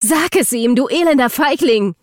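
A woman voicing a furious young woman who feels betrayed, shouting accusations bitterly. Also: mid-range voice, moderate pace, no echo, studio quality, lightly acted.

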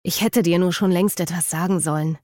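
A woman reading the lines of a hesitant, evasive teenage boy in an audiobook, halting and stammering. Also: on the low side, fairly even intonation, a little mellow, natural voice. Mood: subdued.

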